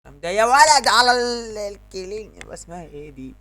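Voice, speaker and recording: A man with an Egyptian accent giving excitable live commentary on his own football video game, yelling at the referee and his players. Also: sits high, fast talker. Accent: Egyptian Arabic. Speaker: gamer.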